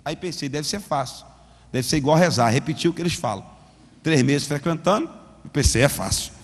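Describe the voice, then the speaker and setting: A man from Brazil, a pastor giving a testimony sermon, telling his story in animated fashion, acting out dialogue and calling out to the congregation. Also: a little high, a little fast. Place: large church. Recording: reverberant church hall.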